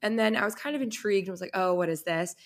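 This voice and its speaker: A woman's voice: medium pitch, fast. A woman in her twenties from Boston co-hosting a podcast, upbeat and chatty with plenty of "like". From Boston, USA. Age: 20s. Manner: upbeat, chatty, says "like" often. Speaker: podcast co-host. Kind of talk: casual podcast chat.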